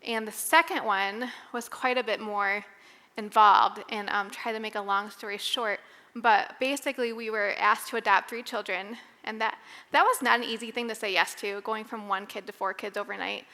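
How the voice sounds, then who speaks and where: A young adult woman giving a candid personal testimony at a women's Bible study, talking conversationally with fillers and pauses. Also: mid-range voice, fairly even intonation, bright, forceful tone, in a large hall. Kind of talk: personal testimony devotional talk.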